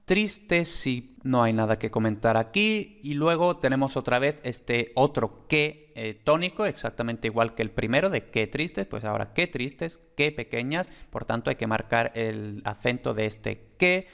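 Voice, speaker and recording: A man's voice: mid-range voice, animated, unhurried, gravelly, few pauses, a bit bright, clean tone. A man teaching a phonetics lesson over slides, hesitant, with many fillers and repeated points.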